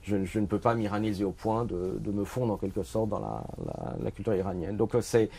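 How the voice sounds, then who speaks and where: A man's voice: on the low side, lively intonation, fairly quick, vocal fry, dark tone, slight background noise. A middle-aged man from Switzerland, an author presenting his book in a bookshop, talking with many fillers and restarts. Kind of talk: bookshop talk.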